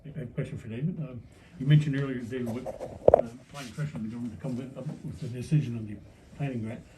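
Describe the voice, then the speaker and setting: A man asking a question from the floor, rephrasing haltingly as he goes. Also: mid-range voice, steady tone. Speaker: questioner at the announcement. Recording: dull distant sound, faint noise.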